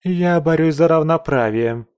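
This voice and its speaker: A man's voice: on the high side, measured pace, no echo, clean studio sound, pitched above the performer's own voice, lightly acted. A man voicing a defiant, provocative young woman journalist in an audiobook, with a haughty, taunting manner. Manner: haughty, sharp-tongued, taunting. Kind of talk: audiobook character voice.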